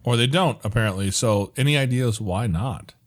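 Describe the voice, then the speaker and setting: A man co-hosting an interview, asking questions in a measured, wry way. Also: medium pitch. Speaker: co-host. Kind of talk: interview conversation.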